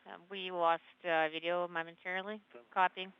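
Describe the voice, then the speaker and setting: A man's voice: high voice, flat delivery, moderate pace, a little hiss or hum. A man on the space station making clipped, matter-of-fact procedural callouts over a space-to-ground radio link. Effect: space-to-ground radio transmission. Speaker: space station crew member. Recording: dull lo-fi radio downlink.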